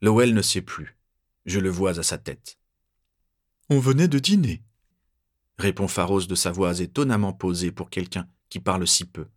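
A man reading a first-person story aloud in a measured, tense narrating voice. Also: sits low, fairly even intonation.

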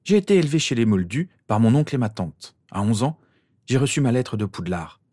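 A man's voice: medium pitch, sing-song, a little fast, warm tone, no echo, pitched above the performer's own voice. A man voicing an earnest teenage boy explaining where he comes from.

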